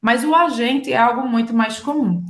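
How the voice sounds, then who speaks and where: A woman's voice: a little high, normal speed, a bit bright, echoey room. A Brazilian woman with a Brazilian Portuguese accent, teaching French in a casual online lesson and explaining patiently, checking in with her listeners as she goes. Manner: explains patiently, checks in with "tá?", acts out little dialogues.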